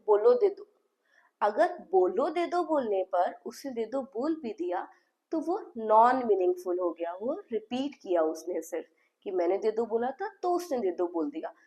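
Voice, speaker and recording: A woman's voice: fairly high pitch, animated, normal speed, dark tone. A woman speech therapist explaining therapy to parents, mixing phrases into her talk and acting out the dialogue of a session.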